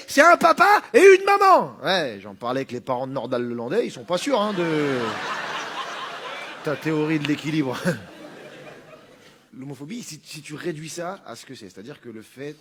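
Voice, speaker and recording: A man's voice: medium pitch, background noise. A man performing a stand-up monologue in an informal, argumentative, sardonic way. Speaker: stand-up comedian.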